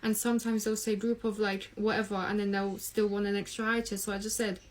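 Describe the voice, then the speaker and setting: A woman's voice: medium pitch, little pitch movement, brisk. A woman who works as a restaurant host, casually retelling a work story in an exasperated way, full of quoted back-and-forth. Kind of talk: storytime monologue.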